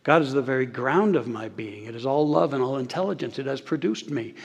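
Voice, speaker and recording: A man preaching a sermon in a church, with dramatic pauses, shifting between loud and hushed delivery. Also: medium pitch, vocal fry, slightly rough, muffled recording. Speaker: pastor. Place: large church sanctuary. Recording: long hall reverb.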